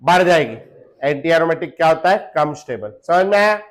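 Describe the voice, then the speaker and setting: A man's voice: a little high, animated, a little fast. A question-firing chemistry teacher, a man. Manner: asks the class questions and answers them himself, joking; mixes in English phrases. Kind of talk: classroom lecture.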